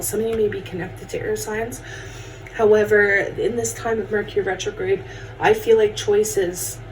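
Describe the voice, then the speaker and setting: Woman, casual tarot host, conversational and familiar with viewers, mid-pitched, recorded at a distance. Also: darkish tone. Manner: chatty, addresses viewers as friends and guys. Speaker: tarot card reader hosting a horoscope show. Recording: distant mic with faint background noise.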